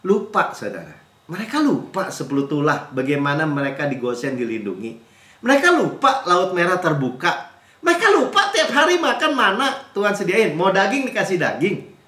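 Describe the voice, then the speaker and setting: A male pastor preaches an animated sermon, jumping between loud mocking impressions and quiet asides. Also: high-pitched, normal speed, roomy sound. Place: church.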